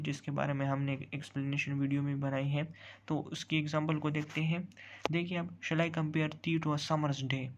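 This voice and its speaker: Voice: medium pitch, muffled recording, slight background noise. A teacher giving a recorded lesson, explaining step by step while pointing at examples on slides, checking in often and reading out definitions in English. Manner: mixes English terms and read-out definitions into Hindi explanation. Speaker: literature teacher. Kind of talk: recorded online lesson walking through slides.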